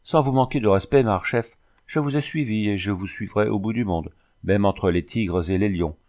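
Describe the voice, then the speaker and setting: A man's voice: on the low side, moderate pace, a little mellow, natural voice. A man reading an audiobook, voicing a seasick, whiny, deferential old soldier. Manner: whining, hiccuping, hangdog.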